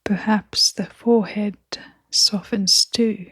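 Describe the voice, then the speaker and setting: Soft and breathy, nearly whispering, a woman gently soothes her listeners through a scripted meditation full of long pauses. She has a mid-range voice with fairly even intonation, and the recording is dry.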